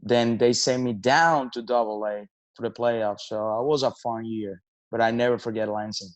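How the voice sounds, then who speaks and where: A man, a baseball manager answering interview questions in halting speech, with many restarts and fillers. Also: mid-range voice, steady tone, no room sound. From Venezuela. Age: 30s.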